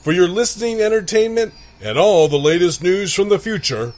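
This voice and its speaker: An actor playing a weary, exasperated radio host in a post-apocalyptic comedy audio drama, announcing with theatrical flair. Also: male voice, sits high, animated, moderate pace, a little mellow. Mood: grand, announcing.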